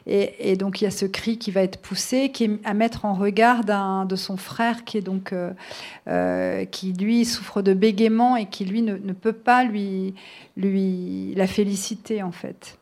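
A woman author talking about her fiction and reading a passage of it aloud in a measured, thoughtful way. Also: mid-range voice, steady tone, a little mellow.

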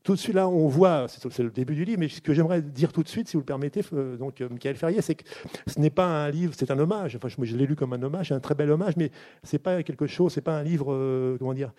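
A man hosting a literary show who reads a book passage aloud in a measured, deliberate way, then questions the author. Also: fairly high pitch, warm tone.

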